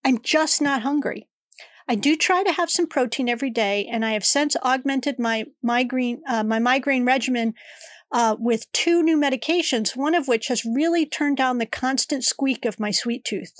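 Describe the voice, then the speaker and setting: A woman's voice: high voice, moderate pace, no echo, clean studio sound. A middle-aged woman hosting her own podcast, congested and talking in a rambling, personal, chatty way. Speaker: podcast host. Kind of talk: casual solo podcast monologue.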